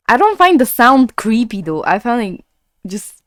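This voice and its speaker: A woman with a fairly high voice reacts as a streamer. She talks casually and informally, dropping in expressive interjections as she comments. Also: unhurried.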